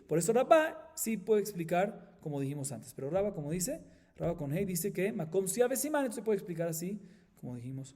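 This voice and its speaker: A man's voice: high voice, dark tone. A middle-aged man, a rabbi from Colombia, teaching a Talmud class step by step and checking in with his listeners often. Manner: explains step by step, asks "¿sí?" often, chants Aramaic quickly.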